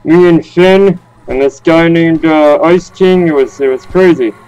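A cranky, stereotypical old man of about ninety, put on by a man, grumbling at youngsters in a game. His voice sits fairly high and he nags in a scolding, old-timey way. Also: a little slow, a little mellow, clear, resonant tone, highs cut off, close to an everyday voice. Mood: rambling. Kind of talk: in-game role-play.

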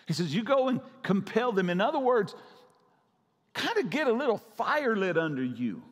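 A man's voice: sits high, sing-song, normal speed. A man preaching a sermon as pastor, urgent and repetitive, pressing his listeners. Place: church sanctuary. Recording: long church hall reverb.

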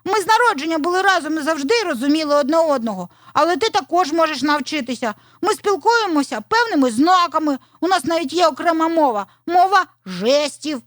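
A woman voicing a small, proud boy rooster who shouts his answers loudly in a storybook tale. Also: high voice, expressive, a little fast, hardly any pauses, no room sound, studio quality, pitched above the performer's own voice. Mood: explaining. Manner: loud exclaiming.

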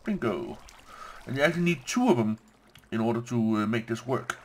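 A man giving casual let's-play commentary on his game, playful and quick to gush with delight. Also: medium pitch, lively intonation, a little hiss or hum. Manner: playful, gushes with delight, says "yoink" and "bam". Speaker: gameplay commentator.

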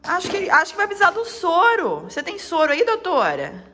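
Woman, kids' channel host, high lively sing-song voice, playful make-believe. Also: fairly quick, a little hiss or hum. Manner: sing-song, doting, exaggerated. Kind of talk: pretend play with a child.

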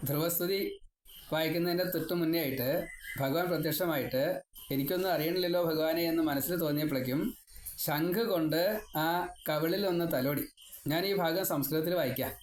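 A man teaches a devotional scripture lesson, chanting verses slowly and then explaining them in a rambling, personal manner. His voice sits a little high. The room is echoey, with faint ambient noise behind him. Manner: rambling, personal, wry asides. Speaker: Bhagavatam teacher.

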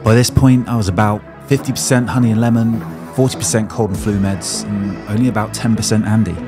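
A man's voice: lowish voice, steady tone, fairly quick. A man reading scripted first-person narration for a vlog. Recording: music behind.

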